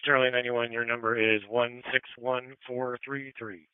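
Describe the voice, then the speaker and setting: Flat-toned male police radio dispatcher. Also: medium pitch, moderate pace, clean tone, dry recording. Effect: police radio transmission. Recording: phone-like narrowband scanner audio.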